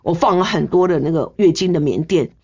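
Brief: older Taiwanese nurse, husky and low, earnest emotional testimony, dull recording. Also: female voice, a little fast, a little mellow. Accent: Taiwanese Mandarin. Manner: earnest, emotional storytelling with sentence-final particles. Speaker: nurse, guest. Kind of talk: personal testimony in an interview. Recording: slightly muffled recording.

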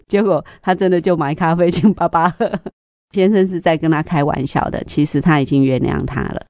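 A middle-aged woman, sharing a church testimony in an interview, telling stories lively and acting out the dialogue. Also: sits low, moderate pace, no echo, clean studio sound. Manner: lively storyteller, acts out dialogue, laughs often.

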